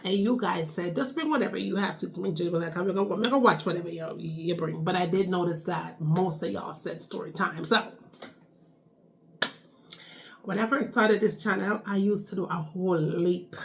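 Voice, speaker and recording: A young Jamaican woman vlogger with a lowish, gravelly voice talks fairly quickly and barely pauses. She chats casually through a storytime vlog in a Jamaican accent, repeating phrases and ending lines with "okay?".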